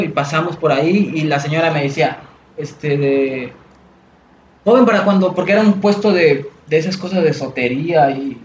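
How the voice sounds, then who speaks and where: A man's voice: fairly high pitch, a little hiss or hum. A man telling a personal faith testimony in a casual chat, rambling with many fillers and restarts. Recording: echoey room, dull sound.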